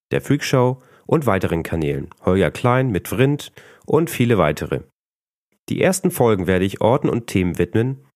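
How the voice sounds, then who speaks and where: North german guy, lowish voice, reads his podcast script calm, a bit mumbly, dry sound. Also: dry recording. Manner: calm, informative reading with slight mumbling. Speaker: podcast host. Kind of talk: scripted narration.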